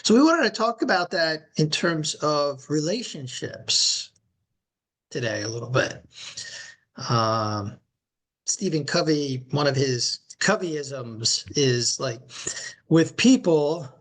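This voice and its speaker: A middle-aged man co-hosts a podcast and talks in a relaxed, unhurried way. His voice sits slightly high for a man. He wanders through his thoughts with plenty of ums and restarts. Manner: relaxed, rambling, with many fillers and restarts. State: recovering from knee replacement surgery. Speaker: podcast co-host. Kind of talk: casual podcast chat. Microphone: remote call audio.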